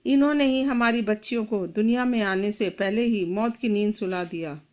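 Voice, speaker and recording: A woman's voice: mid-range voice, normal speed, close to an everyday voice. A woman voicing an enraged young husband. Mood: angry. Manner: shouting, accusing. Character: furious grieving young husband.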